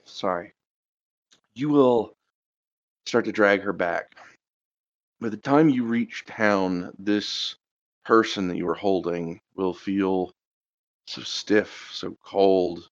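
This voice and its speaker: A man's voice: deep voice, dry recording. A man narrating a tabletop game as game master, hesitant and full of fillers. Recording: dull, lo-fi sound.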